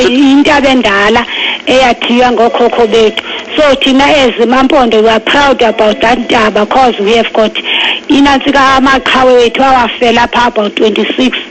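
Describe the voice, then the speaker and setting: A municipal employee with a fairly high voice takes a call, speaking briskly with fairly even intonation. She has a South African Xhosa-speaking Eastern Cape accent and explains things firmly and matter-of-factly, mixing in English. The phone call comes over radio and is very noisy.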